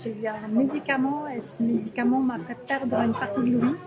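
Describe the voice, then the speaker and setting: In a café, a woman sign language interpreter voices an interview in the first person, halting and searching for words. Her voice is on the high side with a steady tone, against crowd noise and loud music.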